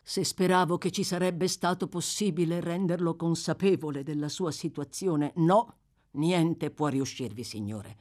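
A woman's voice: low voice, unhurried, a little mellow. A woman voicing a weary male jailer. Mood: resigned. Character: weary male prison jailer, matter-of-fact.

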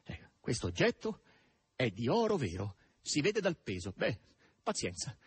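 A man's voice: medium pitch, huge pitch swings, unhurried, husky, dry recording, exaggerated voice. A man voicing a troubled, desperate grown woman in an audiobook reading, pleading and agitated. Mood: bitter.

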